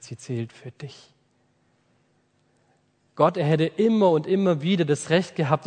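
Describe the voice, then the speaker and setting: A man preaches to his congregation with a high, bright voice that leaps to loud outbursts and drops to near whispers. His sermon rings out in a reverberant hall. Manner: lively, swings from loud outbursts to soft intimate lines.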